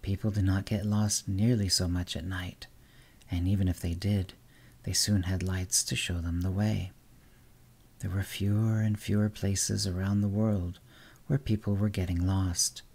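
Ancient will-o'-the-wisp spirit, hissing whisper, weary scorn, deep low tone, put on by a man. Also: flat delivery, unhurried, creaky, a little mellow, breathy edge, exaggerated voice.

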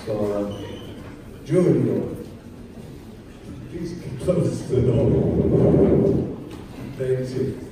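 A man introduces a speaker at a conference, talking slowly and stopping often on uh. He is picked up from a distance in a large hall full of echo, with clear room noise behind him. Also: mid-range voice, expressive. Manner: halting, with many uh fillers. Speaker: conference moderator. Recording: echoey hall from far off.

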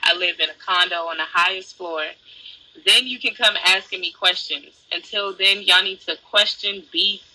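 A woman's voice: fairly low pitch, moderate pace, bright, forceful tone, low-quality recording. Brash, boastful young woman livestreaming. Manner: brash, boastful, swears freely. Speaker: livestream host. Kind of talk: casual livestream chat.

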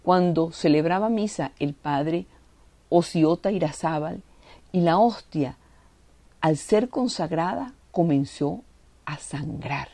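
Low, dark-voiced woman. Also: animated, slow, dry recording. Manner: fervent, reverent, with lingering stresses on prayerful words. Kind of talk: devotional reading and reflection.

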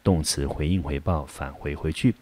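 A man from Taiwan, teaching an English vocabulary lesson and sounding out example sentences slowly and carefully. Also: a bass voice, warm tone, a little hiss or hum. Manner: slow careful word-by-word pronunciation.

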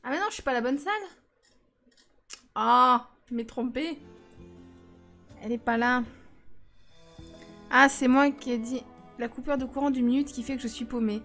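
A woman's voice: sits high, fairly even intonation, normal speed, pauses often, a bit bright, faint music behind. A woman streaming a life-sim game, chatting casually and teasing her viewers. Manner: chatty, teasing, talks back to chat.

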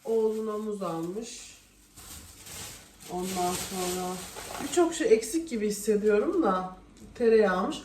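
A woman's voice: medium pitch, a little slow, pauses often, a little mellow. A woman vlogging casually at home, chatty and often exasperated as she complains. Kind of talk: casual home vlog chat. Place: home kitchen. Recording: echoey room, voice from a distance, faint noise.

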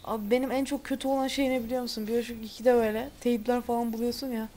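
Young woman, playful gamer chat, giggly, higher voice. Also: little pitch movement, quick pace, mellow, slight background noise. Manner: playful, giggly, drops English exclamations. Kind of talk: casual gameplay chat.

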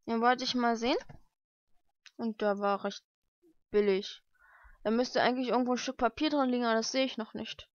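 A young woman vlogger unboxes mail-order books in a lived-in room at home, chatting casually and thinking aloud. Her voice is on the high side, steady and a little fast, broken by long pauses. The home recording sounds dull and lo-fi.

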